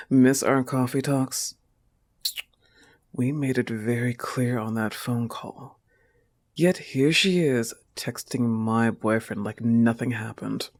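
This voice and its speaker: Jealousy and irritation color this intimate audio roleplay, where a man portrays a goth wolf-girl girlfriend. He speaks slowly and softly at an average male pitch, often near a breathy whisper, in a tender yet teasing and territorial way.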